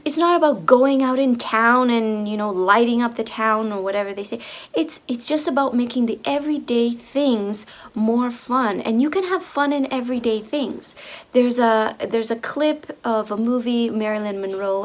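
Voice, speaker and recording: A woman speaking slowly and softly in a reflective monologue, often repeating herself and sometimes slipping into a whisper. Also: fairly high pitch. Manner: slow, soft, drifting into whispers. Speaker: speaker on femininity.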